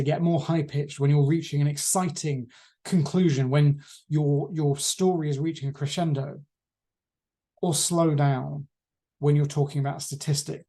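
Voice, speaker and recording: Presenter coaching over a call, mellow voice, punchy delivery, slows right down on key points. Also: medium pitch, creaky. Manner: lively, emphatic, plays with pace for effect. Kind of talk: online training talk.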